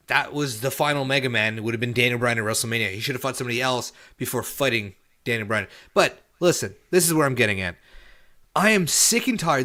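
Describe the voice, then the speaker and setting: A man's voice: medium pitch, pushed and bright. A man co-hosting a wrestling podcast, chatting casually and opinionatedly, repeating points for emphasis. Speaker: podcast co-host.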